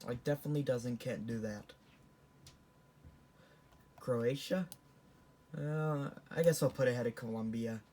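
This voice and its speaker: A man's voice: mid-range voice, a little slow, pauses often, dark tone. Teen male, casual rambling vlogger, lots of false starts. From Canada. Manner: rambling, with frequent restarts and self-corrections. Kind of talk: casual tier-list commentary.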